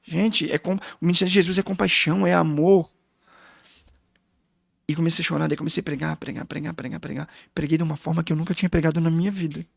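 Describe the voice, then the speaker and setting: This middle-aged man speaks with a Brazilian Portuguese accent, his voice fairly high, gravelly and level, at a quick pace. Recorded in a clean studio with no echo, he appears as a guest pastor in a casual interview, sharing an emotional testimony packed with quoted dialogue.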